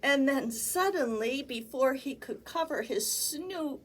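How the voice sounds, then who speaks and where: A storytime librarian reads a children's picture book aloud in a high, animated voice, taking it slowly. Her delivery is theatrical and sing-song, with acted-out animal sounds and sneezes.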